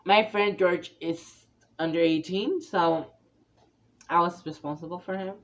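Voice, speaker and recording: A man's voice: sits high, a little slow, a bit bright. A man in his twenties tells a story in a vlog, rambling with frequent restarts and fillers. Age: 20s. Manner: rambling, lots of restarts and "you know". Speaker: vlogger.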